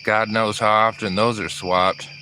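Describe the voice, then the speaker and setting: A reluctant, wary young man who talks in an uneasy, hesitant way, voiced by a man reading aloud. The pitch lifts above the reader's deep natural voice. Crickets and insects are clearly audible behind. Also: little pitch movement, a little slow, background noise, natural voice.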